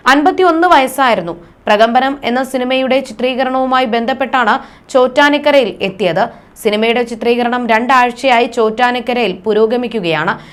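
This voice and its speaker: A woman narrating a scripted news report in a formal, even read-aloud manner. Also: on the high side.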